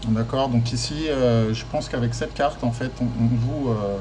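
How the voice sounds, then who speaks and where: A man's voice: medium pitch, a little slow. Hesitant man reading tarot, noisy recording. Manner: hesitant, many fillers and restarts, encouraging. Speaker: tarot card reader. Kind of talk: casual spoken guidance.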